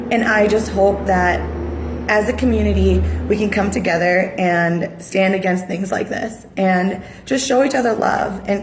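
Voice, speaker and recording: A woman from Sri Lanka making an earnest, halting personal video appeal as a mother, audibly upset and pausing often. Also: mid-range voice, noisy background. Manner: earnest, halting, with many pauses and fillers. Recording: echoey room.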